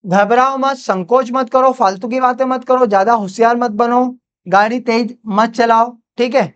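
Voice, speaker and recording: A woman with an Indian accent teaching spoken English, drilling phrases slowly and asking her students questions. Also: on the high side, fairly even intonation, smooth. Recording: dull lo-fi sound.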